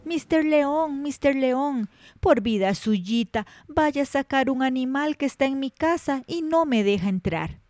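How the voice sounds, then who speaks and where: A frightened old woman from a storybook, voiced by a woman, begging for help in a high, shaky voice. Her tone is mellow and close, with no room around it. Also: expressive, a little slow, no room sound. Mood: pleading. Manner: pleading, high and trembling.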